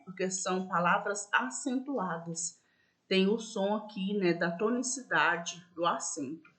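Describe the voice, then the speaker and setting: Woman teacher, patient, repeats herself, slows down to stress sample words for young pupils. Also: mid-range voice. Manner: patient, repetitive, checks in with "né?"; stresses example words slowly. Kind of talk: school lesson explaining accents.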